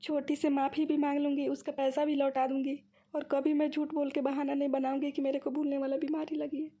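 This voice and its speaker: A woman's voice: high voice, level tone, brisk, warm tone, lo-fi sound. A woman voicing a complaining aging woman who pretends to be forgetful in a cartoon. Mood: remorseful. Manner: complaining, whiny. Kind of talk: cartoon voice acting.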